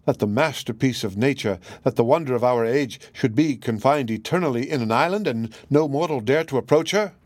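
A man's voice: mid-range voice, brisk, few pauses, a little mellow, no room sound, lightly acted. A man voicing a lovestruck young prince musing to himself in a storybook reading. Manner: wondering, musing.

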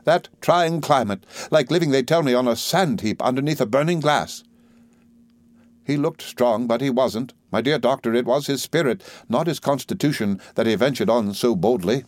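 A man's voice: moderate pace, dry recording, close to an everyday voice. A man voicing a fussy, overbearing old widow who gushes and talks with heavy emphasis. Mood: gushing. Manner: shrill, emphatic, gushing. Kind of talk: audiobook character reading.

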